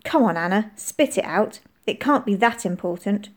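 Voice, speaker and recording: A woman voicing an anxious young girl who is impatient at first and easily upset, speaking in a high, urgent way. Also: animated, normal speed, lightly acted.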